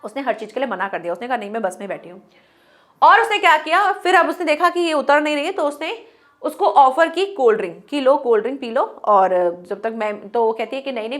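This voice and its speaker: A woman teacher with a high, light voice talks students through a lesson. She mixes English terms into her explanation, poses rhetorical questions, and acts out little bits of dialogue to make her points. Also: fairly bright tone. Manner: explains in Hindi mixed with English words, asking herself rhetorical questions.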